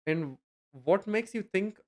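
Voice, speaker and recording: A young man reads and answers his viewers' chat during a late-night stream, speaking loosely with lots of fillers and casual swearing. His voice sits high and sounds a little mellow. He is expressive and takes things slowly.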